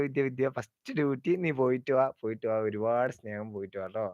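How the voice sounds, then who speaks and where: A man's voice: mid-range voice, fairly bright tone, clear, resonant tone, dry recording. A man hosting a casual live stream, chatting, teasing and greeting viewers by name as he reads their comments. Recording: dry, slightly dull sound.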